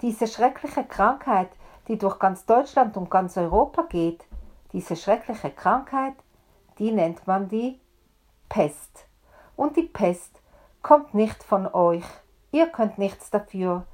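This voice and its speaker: A woman's voice: mid-range voice, lively intonation, slow pace, a little mellow. A woman voicing a nobleman who firmly reassures the townsfolk. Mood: reassuring. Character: reassuring male prince, calm nobleman.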